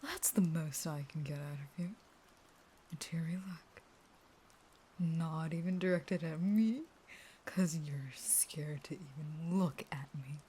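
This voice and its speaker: Mostly whispering in a low, breathy, warm voice, a woman voices a starving female vampire for an intimate audio roleplay. Slowly stretching each word, she portrays an unstable caged lover who begs and threatens by turns, her mood bitter and menacing. Faint noise lingers in the background.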